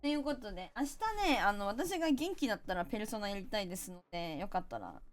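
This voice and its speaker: A woman's voice: mid-range voice, very animated, fast talker, slight background noise. A woman game streamer, chatting casually and thanking viewers one by one.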